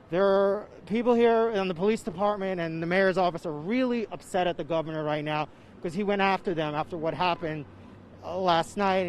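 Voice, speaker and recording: Reporting live from a city street during a march, a high-voiced male field news reporter answers viewer questions in a conversational, halting way. His face mask muffles him slightly, he breathes heavily in the warm, humid air, and traffic and street noise fill the background.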